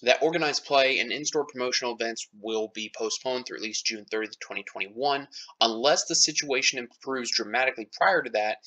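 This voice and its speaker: Bright, irritated American man ranting. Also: mid-range voice, brisk, lo-fi sound. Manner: irritated, blunt, sweary. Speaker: card game player and online commentator. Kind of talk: casual opinion rant over screen recording.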